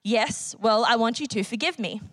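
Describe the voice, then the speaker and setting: A woman's voice: fairly high pitch, moderate pace, fairly bright tone, dry recording, low-quality recording. A woman preacher giving an earnest sermon at a church service, reading out a testimony and repeating key phrases for emphasis. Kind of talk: sermon with a read-aloud testimony.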